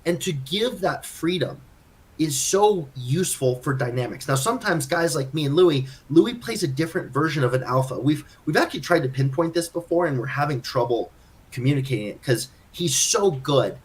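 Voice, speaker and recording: A man's voice: a little high, lively intonation, normal speed. A man co-hosting a podcast, chatting casually and thinking aloud about his own game, self-critical and full of restarts. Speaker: podcast co-host. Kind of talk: casual chat.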